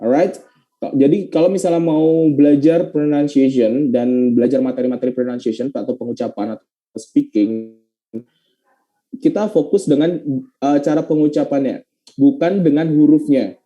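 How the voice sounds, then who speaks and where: A young man tutoring pronunciation online, his voice slightly high yet deeply dark and mellow. He explains patiently and says the example phrases again and again at a slow, careful pace. English phrases slip into his teaching talk. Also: steady tone, lo-fi sound.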